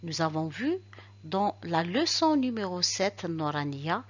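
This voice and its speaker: A woman teaching a recorded reading lesson, explaining rules step by step and slowly repeating each example word. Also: fairly low pitch, sing-song, dull audio. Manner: slow, careful, repeats examples syllable by syllable.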